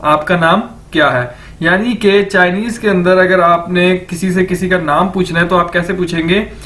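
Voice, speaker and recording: A man teaching a recorded lecture, saying each word slowly and over and over for learners. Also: high-pitched, steady tone, fairly bright tone. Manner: repeats words slowly for learners. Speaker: language teacher.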